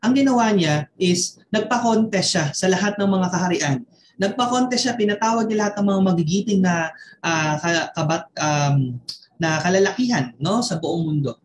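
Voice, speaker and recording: A man's voice: high-pitched, lively intonation, moderate pace, reverberant, slight background noise. Filipino man giving a motivational training. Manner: storytelling, constant tag questions to the audience. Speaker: network marketing mentor. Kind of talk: motivational online training talk.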